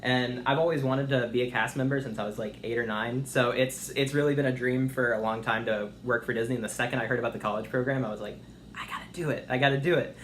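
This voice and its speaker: A young man with a mid-pitched voice answers interview questions during a speakerphone call. He is eager and chatty, informal yet polite, with faint noise around him. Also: fairly even intonation, fast talker, few pauses, fairly bright tone. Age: young adult. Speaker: internship applicant being interviewed.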